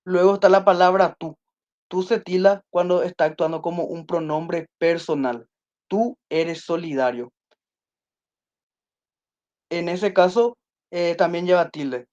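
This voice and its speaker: A Spanish teacher giving an online class, explaining accent rules and slowly reading out example sentences, checking in with her students. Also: fairly low pitch, fairly even intonation, darkish tone, dull audio. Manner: checks in with students by asking questions.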